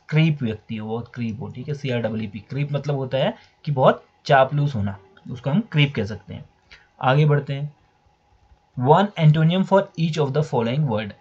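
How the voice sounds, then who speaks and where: A man's voice: medium pitch, a little mellow, slightly rough. A man teaching English vocabulary, explaining meanings and spelling words out letter by letter. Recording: dull lo-fi recording.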